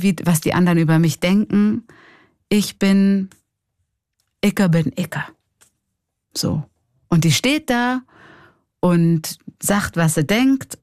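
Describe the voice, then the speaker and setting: A woman's voice: sits low, darkish tone, dry recording, clean studio sound. A middle-aged woman with a Swiss German accent, a clown and comedian, talking candidly and reflectively in an interview. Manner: reflective, candid, laughs often.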